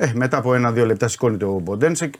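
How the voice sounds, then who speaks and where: Άντρας ρεπόρτερ που αφηγείται ήρεμα. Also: male voice, mid-range voice. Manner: steady, step-by-step recounting. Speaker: sports reporter. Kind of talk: casual sports chat.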